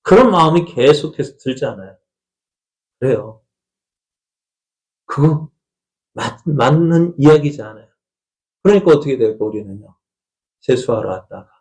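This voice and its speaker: A male pastor delivering a sermon at a middle pitch. He tells the story in a folksy manner and keeps putting rhetorical questions to the congregation. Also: darkish tone.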